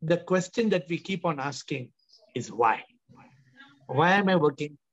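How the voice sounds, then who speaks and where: An unhurried, animated man with a fairly high pitch leads a spiritual Q&A discussion as host and teacher. He's in his fifties with an Indian accent and keeps repeating emphatic rhetorical questions. The sound is the dull, compressed kind typical of a video call.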